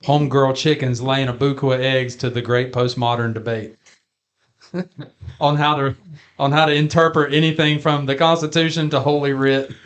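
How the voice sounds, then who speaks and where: A man in casual podcast chat, folksy and joking as he goes. His pitch sits in an ordinary middle range. He stretches out some phrases with a homespun drawl. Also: fairly even intonation. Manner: folksy and jokey, drawn-out phrasing. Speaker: podcast co-host.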